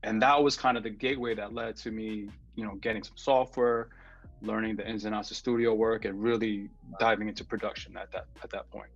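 A man's voice: fairly low pitch, fairly even intonation, fairly quick, lo-fi sound. A man, a music producer chatting loosely on a video call, rambling with lots of fillers and slang. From New York. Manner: laid-back, rambling, slangy, with many fillers. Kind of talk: casual interview on a video call.

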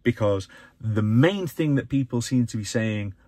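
English guy in his 40s ranting to his phone in the car, bit husky, close dry sound. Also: unhurried, dry recording. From England. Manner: animated, opinionated, swings pitch up for emphasis. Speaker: vlogger, channel host. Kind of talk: casual to-camera vlog. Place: inside a parked car. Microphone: phone or camera held close in front.

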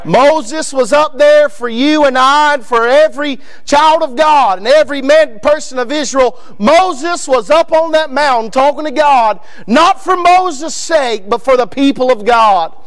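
Into a pulpit microphone in a church sanctuary, a Northern Kentucky man in his thirties, the guest preacher, gives a fiery Baptist sermon. His very high-pitched voice keeps a measured pace with hardly any pauses, repeating lines, building to shouting, and naming men in the pews directly.

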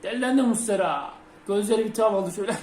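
A young man commentating his own football video game, muttering between plays and shouting at goals. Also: high-pitched, very fast, slight background noise. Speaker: gaming channel host. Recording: roomy home recording with game music behind.

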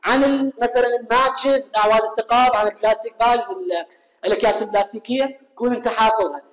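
A man with an Iraqi Arabic accent teaching an English lesson. He asks his students questions and answers them himself, and reads the English example sentences slowly and carefully. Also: very high-pitched, fairly even intonation, fairly bright tone. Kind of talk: recorded classroom lesson. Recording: echoey room with long reverb.

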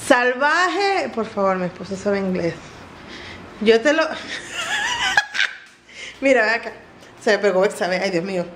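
A woman's voice: medium pitch, lively intonation, measured pace, pauses often, heavy background noise. A woman with a Venezuelan accent, vlogging casually at home in a chatty, playful, exclamatory way. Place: home, indoors.

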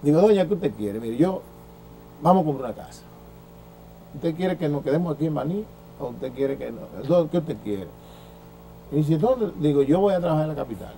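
A Dominican man in his sixties spins stories as an interview guest. He acts out the lines of the people he quotes and often restarts his sentences. His voice sits a little high and has a mellow, warm tone. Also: moderate pace, vocal fry, long pauses, slight background noise. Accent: Dominican Spanish. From Dominican Republic. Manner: lively storyteller who acts out quoted dialogue, with frequent restarts. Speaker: former baseball pitcher, interview guest. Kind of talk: anecdotal storytelling in an interview.

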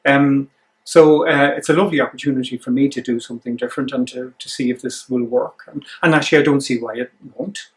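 Speaking at medium pitch with fairly even intonation, a sixty-something Irish theatre director gives a contemplative interview. He breaks off mid-sentence now and then as he gropes for words.

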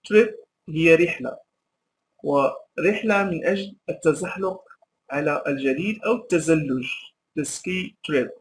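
A man teaching English phrases in Arabic, repeating each one slowly and explaining it. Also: on the high side, a little hiss or hum, poor audio. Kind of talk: language lesson.

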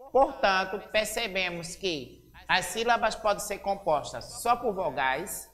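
A woman teacher with a Brazilian accent giving a slow, deliberate literacy lesson, spelling out syllables. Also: medium pitch, fairly bright tone, big-room sound. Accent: Brazilian Portuguese.

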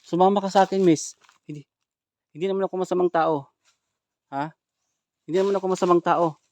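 Out in a forest, a male ghost-hunting vlogger films a live walkthrough for his viewers. His delivery is brisk with fairly even intonation, moving from low, hushed asides to the camera to loud, urgent calling out.

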